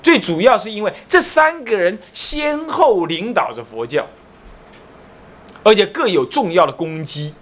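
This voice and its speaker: A man's voice: high-pitched, big pitch swings, measured pace, fairly bright tone. A man with a Taiwanese Mandarin accent, a Buddhist abbot teaching a class, who quizzes his listeners and teases them in playful asides. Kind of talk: lively Buddhist lecture.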